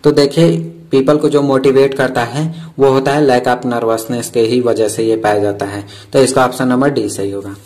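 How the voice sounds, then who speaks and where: A man's voice: medium pitch, fairly even intonation, darkish tone, rough recording. A man, tutoring for a vocational exam and explaining answers to quiz questions one by one. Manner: reads each question slowly in English, then explains in Hindi.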